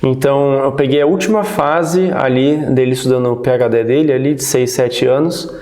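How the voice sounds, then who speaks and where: A man in his thirties, born in the United States, recalling his childhood as a guest in a relaxed, rambling interview. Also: mid-range voice, normal speed. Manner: relaxed, rambling, many restarts. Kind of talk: casual interview storytelling. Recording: roomy echo.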